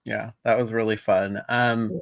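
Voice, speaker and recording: A man's voice: lowish voice, flat delivery, a little slow, vocal fry, no room sound. A man co-hosting a casual talk show, easygoing and reading out viewer comments. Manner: easygoing, reads out live chat comments. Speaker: podcast co-host. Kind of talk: casual chat.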